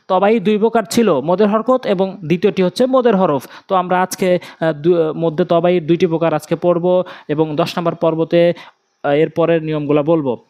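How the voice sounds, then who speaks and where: Bangladeshi guy with a high-ish voice giving a recitation lesson, drags out syllables, lots of ums. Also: darkish tone. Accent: Bangladeshi Bengali. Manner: drills syllables slowly, drawing out vowels; quick, plain explanations with many fillers. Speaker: Quran recitation teacher.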